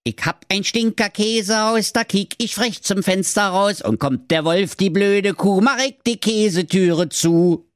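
A man doing a sassy squeaky piglet girl. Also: wildly swooping pitch, slow, few pauses, no room sound, studio quality, full character voice. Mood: singing cheekily. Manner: squeaky, sassy sing-song. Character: cheeky little female piglet.

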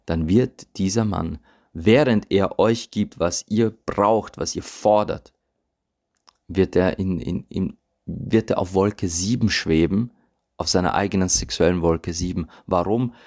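A man with a very low voice, full of gravel and fry. He talks in a podcast monologue as a coach, intimate and emphatic, and at times he sinks to a whisper. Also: a little slow, a little mellow. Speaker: podcast host and tantra coach. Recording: recorded without usual laptop setup.

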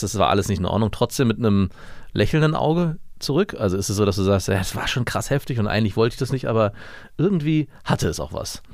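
Fast-talking man asking questions. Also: lowish voice, dry recording, clean studio sound. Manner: quick, asks probing questions, laughs often. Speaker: podcast co-host. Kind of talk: casual chat.

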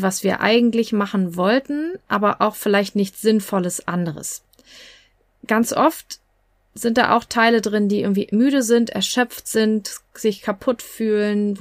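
A woman's voice: mid-range voice, dry recording. A woman coach and podcast host giving advice in a conversational, explanatory way, with fillers here and there.

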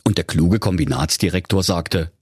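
A man's voice: low-pitched, moderate pace, darkish tone, breathy edge, dry recording, clean studio sound. A man narrating a comic fairy-tale parody in a mock-solemn storytelling manner.

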